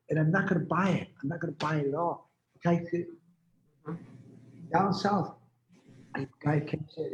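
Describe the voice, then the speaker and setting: A man's voice: a little high, darkish tone, slight background noise. A man in his seventies who talks readily and rambles, speaking casually as a healer being interviewed. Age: 70s. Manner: rambling and talkative. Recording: echoey room, dull lo-fi sound.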